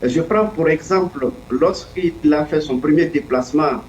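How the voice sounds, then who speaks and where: A man speaking as a political commentator in an interview, earnest and deliberate, often pausing to search for his words. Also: a little high, a little mellow, slight background noise. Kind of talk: analytical interview answer. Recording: echoey, distant, dull lo-fi sound.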